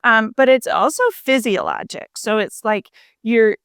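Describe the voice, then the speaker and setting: A woman's voice: fairly high pitch, expressive, a little slow, a bit bright, clear, resonant tone, no room sound, clean studio sound. A woman physician and mindfulness coach, a podcast guest, explaining her ideas in a reflective, conversational way with many fillers. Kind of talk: conversational interview.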